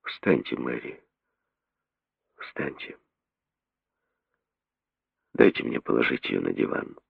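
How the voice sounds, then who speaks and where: A gentle doctor speaks low and slowly, nearly in a whisper, as a male reader plays him. His voice is deep with a gravelly edge. The sound is dry and muffled, like an old radio broadcast. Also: very animated, no echo, heavily acted. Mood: tender. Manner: quiet, slow and soft-spoken.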